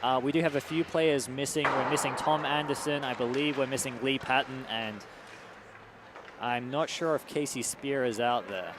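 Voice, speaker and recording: A man calls an amateur hockey game from a rink booth, chatty and easygoing, slipping into joking asides when he reads out sponsors. His voice sits at an ordinary middle pitch. A faint hum of noise runs under the booth recording. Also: steady tone, moderate pace. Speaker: play-by-play commentator.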